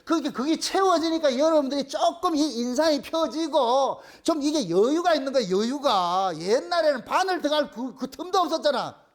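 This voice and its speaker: A middle-aged male pastor with a Gyeongsang accent, preaching a playful sermon and acting out little scenes in voices. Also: extremely high pitch. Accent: Gyeongsang Korean. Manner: animated, playful, acts out phone calls in voices.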